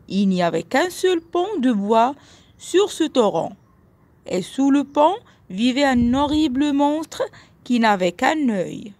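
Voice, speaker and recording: A woman narrating a children's tale as a storyteller, slow and expressive. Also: high-pitched, dry recording.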